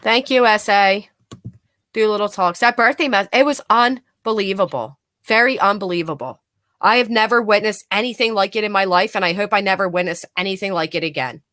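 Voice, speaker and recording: A woman with a medium-pitched, fairly bright voice talks a little fast, with no echo in the recording. Hosting a live stream, she mocks clips bluntly and sarcastically, chats with her viewers, reads their messages and swears freely.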